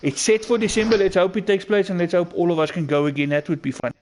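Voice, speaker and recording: A man's voice: high-pitched, quick pace, a crowd in the background. A South African man with an Afrikaans accent, giving casual live commentary on a sim racing stream. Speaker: esports race commentator.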